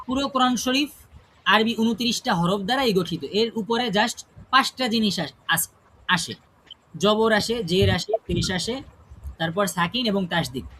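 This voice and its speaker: A man's voice: sits high, sharp tone, slight background noise. A man teaching a class how to pronounce Quranic recitation. He demonstrates the sounds aloud and keeps checking in with his students. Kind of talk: classroom pronunciation lesson.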